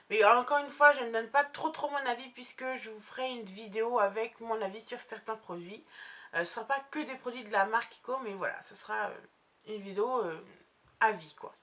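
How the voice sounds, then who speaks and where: A young woman chats through her makeup haul in a loose, rambling way, stopping and restarting often. Her voice sits fairly high and sounds bright and forward. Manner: chatty, rambling, many fillers and restarts. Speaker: beauty vlogger. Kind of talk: casual makeup haul review.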